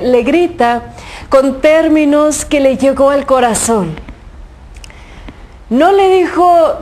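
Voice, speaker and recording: A woman's voice: sits high, darkish tone, slight background noise. A woman giving a reflection on a Gospel passage, earnest and fervent, with many rhetorical questions. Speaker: religious speaker reflecting on the Gospel.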